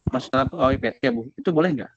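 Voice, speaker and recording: A man's voice: fairly high pitch, sing-song, very fast, husky. A man asking his tutor questions in an online class, hesitant and repeating himself, his voice choppy and breaking up over the call. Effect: choppy, breaking-up audio. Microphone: video call. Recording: dull, dry online call audio.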